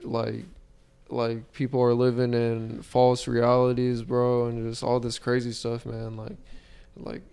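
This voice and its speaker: A man's voice: medium pitch, monotone, a little slow, creaky, mellow, clear, resonant tone. A young man in a casual podcast chat, talking in an earnest, rambling, slangy frat-bro way. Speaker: podcast host.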